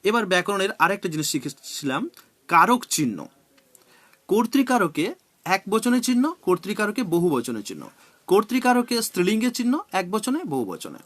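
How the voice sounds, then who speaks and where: A man with a Bengali accent, teaching a class and spelling out Arabic words letter by letter in slow, deliberate drills. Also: high-pitched, very animated, fairly bright tone.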